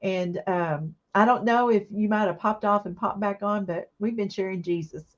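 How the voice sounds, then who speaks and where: A woman's voice: mid-range voice, normal speed, lo-fi sound. Teary woman chatting on a craft livestream. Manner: warm, emotional, reads viewer comments aloud and answers them. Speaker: craft live-stream host. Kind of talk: casual live-stream chat with viewers.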